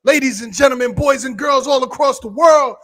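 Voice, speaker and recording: A man hosting a casual vlog, giving exuberant, slangy shout-outs to his viewers. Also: very high voice, brisk, a little hiss or hum. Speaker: vlog host.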